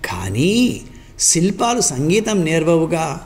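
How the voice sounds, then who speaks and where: A man's voice: a little high, very animated, slow, a little mellow, slight background noise. A man voicing a skeptical adult friend who doubts and mildly mocks the idea of teaching a laborer music. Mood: skeptical teasing.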